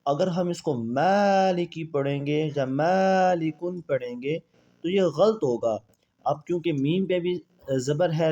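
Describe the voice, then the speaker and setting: A man's voice: on the high side, dark tone, lo-fi sound. Man drawing out Arabic letter spellings. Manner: drawn-out, sung spelling of Arabic letters between brisk explanations; asks and answers his own questions. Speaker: Quran reading teacher. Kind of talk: Quran reading lesson.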